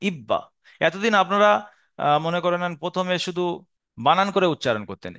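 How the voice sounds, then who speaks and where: A man teaching Quran reading in a slow, patient lesson. He explains each rule again and again and draws out the Arabic syllables he recites. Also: a little high, a bit bright, no room sound, studio quality.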